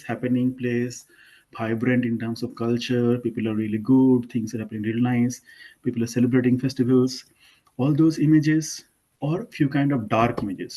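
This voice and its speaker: A young man with an Indian English accent, an architect, teaches school students online while walking them through slides. His mid-pitched voice is relaxed and halting, and his informal delivery is full of fillers and self-corrections. The recording quality is rough.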